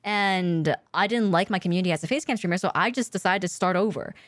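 A woman's voice: lowish voice, fast, dry recording, clean studio sound. A woman co-hosting a casual podcast chat about streaming, talking candidly with swearing and many fillers. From lives in Japan. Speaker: streamer co-host.

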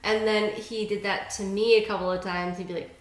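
A woman's voice: mid-range voice, steady tone, fairly quick. A woman guest chatting casually on a podcast in a bubbly, giggly way, with many fillers. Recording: roomy echoey room.

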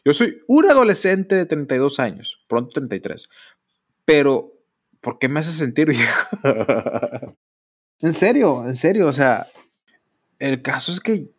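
This solo podcast host is a man in his thirties with a Mexican Spanish accent, very animated yet measured in pace, with frequent pauses. He rambles candidly and mocks others in exaggerated high voices.

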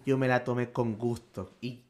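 A man with an Ecuadorian accent chats casually on a podcast. He tells his stories at an easy, relaxed pace. He often caps his phrases with a slangy tag word. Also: mid-range voice, moderate pace. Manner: relaxed storyteller who tags phrases with "loco". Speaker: podcast co-host. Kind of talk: casual chat.

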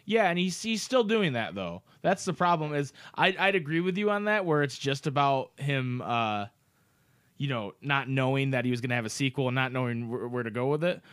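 A man's voice: mid-range voice, lively intonation, brisk, fairly bright tone, clean tone, no echo. A man hosting a video game podcast, chatting casually and rambling with lots of fillers. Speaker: podcast host. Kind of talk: casual chat.

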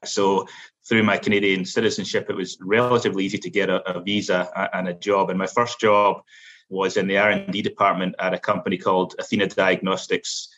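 A middle-aged man with a Glasgow Scottish accent speaks in a low, bright, flat-toned voice. He tells his career story in a measured way, with frequent fillers and restarts. The audio is dull and lo-fi. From Scotland. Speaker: guest, lab operations executive. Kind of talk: interview storytelling.

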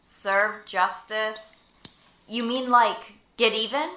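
A woman's voice: fairly high pitch, slow pace, noisy background. A woman playing a scrappy, whiny orphan boy. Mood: exasperated. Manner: whiny, excitable. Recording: echoey room.

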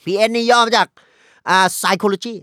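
A young man co-hosting a casual comedy podcast, talking in a deadpan way and stacking up puns. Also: high-pitched, a little slow, no room sound, clean studio sound. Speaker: podcast co-host.

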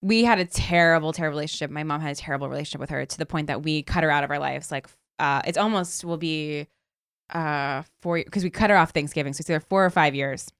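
Woman podcast host with vocal fry. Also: low voice, a bit bright, no echo, studio quality. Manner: informal, filler-heavy with many 'like's. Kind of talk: casual chat.

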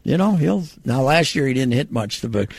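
A man hosting sports radio in a casual, rambling, folksy way, thinking out loud as he goes. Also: medium pitch, lively intonation, normal speed, vocal fry, dry recording.

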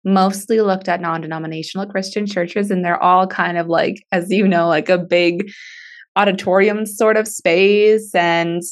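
A Russian-speaking woman, appearing as a podcast guest, chats casually and earnestly about church. Her voice sits on the low side with fairly even intonation at a normal speed, and she explains things sincerely, letting out soft laughs.

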